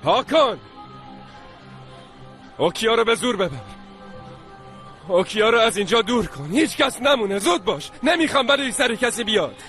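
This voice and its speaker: A man doing the voice of a resolute young husband who gives firm orders and speaks tenderly to his wife. His voice is high and very lively, with faint music underneath, as in a dubbed television drama. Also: pauses often, full character voice. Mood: urgent. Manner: urgent then tender, commanding. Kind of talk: Persian dub of a TV drama.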